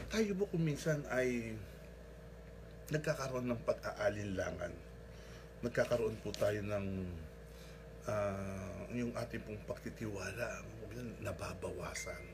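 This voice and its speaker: A pastor preaching a sermon in a polite, earnest way, with frequent rhetorical asides to the congregation. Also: male voice, fairly low pitch, background noise.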